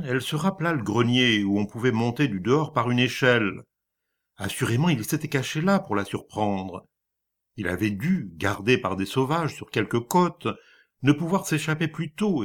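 A man reading a literary short story aloud with dramatic storytelling. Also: medium pitch. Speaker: narrator.

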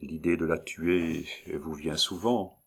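A man playing a calm, grave old-school doctor. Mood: probing. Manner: grave, soothing, low and measured. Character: calm, grave male doctor, gently probing.

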